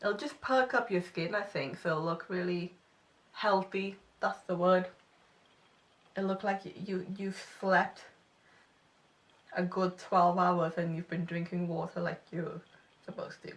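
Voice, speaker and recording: A woman's voice: lowish voice, fairly even intonation, measured pace, long pauses, recorded from a distance. A woman in her twenties with a slight lisp, reviewing makeup in a chatty, self-deprecating way. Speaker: beauty vlogger. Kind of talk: casual product review.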